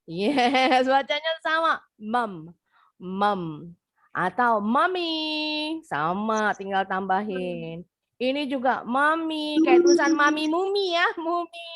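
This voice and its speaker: A woman's voice: sits high, lively intonation, takes it slowly, a bit bright, no echo, studio quality. A young woman with an Indonesian accent teaching an English class over a video call, patiently explaining and repeating words for pronunciation.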